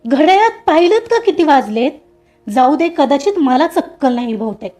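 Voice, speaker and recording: A woman's voice: high voice, lively intonation, normal speed, a little mellow, faint music behind. A woman voicing a young man who is loving but angry and scared, speaking agitated with a raised voice.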